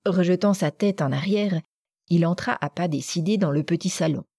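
Mellow, husky woman reading a novel. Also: lowish voice, dry recording, studio quality. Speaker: audiobook narrator. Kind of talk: scripted narration of a novel.

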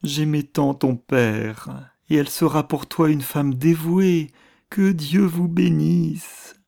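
A woman voicing an emotional elderly prince who speaks slowly in a deep, put-on voice. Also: steady tone, warm tone, no echo, clean studio sound, exaggerated voice. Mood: effusive. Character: emotional elderly male prince, fatherly, tearful.

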